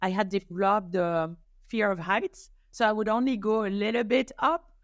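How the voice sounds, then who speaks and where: A middle-aged French rheumatologist answers questions as an interview guest in a casual setting. Her mid-range voice holds a steady tone at normal speed with no echo, and she responds enthusiastically, laughing and often restarting her sentences.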